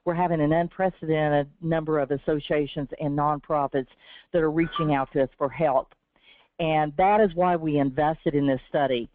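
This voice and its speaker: A woman from a business development team hosts a webinar, reading from a prepared script in an earnest, encouraging manner. Her voice is low, sore and slightly raspy, carried over a thin, tinny phone line that is dry, with no echo or room sound.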